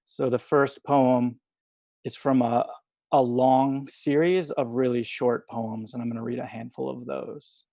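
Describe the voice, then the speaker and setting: Soft-spoken man reading poems, flat delivery. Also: medium pitch, a little slow, gravelly, no room sound. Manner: soft-spoken, hesitant with fillers between readings. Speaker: poet reading at a livestream. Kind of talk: poetry reading. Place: home, video call.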